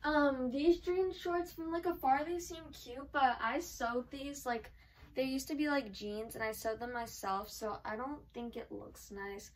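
A chatty woman vlogger talking through a clothing try-on, her speech full of "like" fillers. Her voice sits fairly high, and she is heard from a little way off the mic. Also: fairly even intonation, a little slow, far from the mic, low-quality recording. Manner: chatty, filler-heavy with frequent "like". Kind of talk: casual try-on haul chat. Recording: voice from away from the mic.

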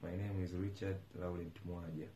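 A man's voice: low-pitched, level tone, moderate pace, mellow, a little hiss or hum. A young Tanzanian man giving a fervent, prayerful testimony with repeated praise, seated in a living room. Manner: fervent, declaring, repetitive praise. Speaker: church member giving testimony. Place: indoors on a sofa in a living room. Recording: echoey room.

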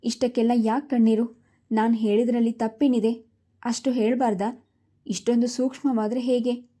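A woman's voice: fairly high pitch, little pitch movement, moderate pace, mellow, lightly acted. A woman voicing a stern middle-aged husband who scolds and questions his wife in a told story.

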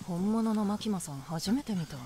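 A woman's voice: mid-range voice, moderate pace, dark tone, a little hiss or hum, lightly acted. An actress voicing a curious young female rookie in an anime, asking plain questions. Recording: anime soundtrack with music behind.

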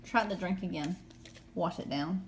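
A woman's voice: on the low side, moderate pace, gravelly, a little hiss or hum. A woman in her thirties with a Tennessee accent, hosting a casual snack unboxing and reading out the product blurbs. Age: 30s. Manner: reads out product blurbs, asks questions. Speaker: host.

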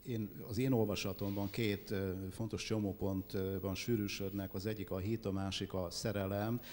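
A man moderating a literary event, interviewing an author in measured, thoughtful phrases. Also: lowish voice, fairly even intonation, a little mellow. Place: library event hall. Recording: long hall reverb, faint noise.

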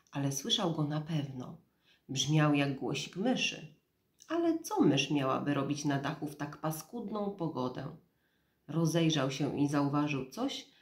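A woman in her thirties, a mother reading a storybook aloud in a soft, measured, quiet voice. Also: low voice, roomy sound.

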